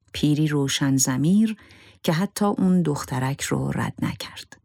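Grave storyteller, gravelly and husky voice, super dry close sound. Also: mid-range voice, darkish tone, no echo. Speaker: narrator. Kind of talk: dramatic story narration.

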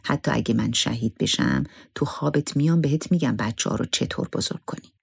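A man voicing a gentle, devoted young husband and father who talks in a calm, reassuring way. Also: medium pitch, creaky, slightly rough.

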